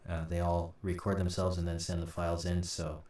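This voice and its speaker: A deep-voiced man walks through software in an informal tutorial. He thinks aloud in a halting way as he works. The sound is roomy and a little distant from the mic, with a soft, dark tone. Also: completely flat delivery. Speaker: host, audio drama sound designer. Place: indoor room at a computer. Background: keyboard typing and mouse clicks, faint noise.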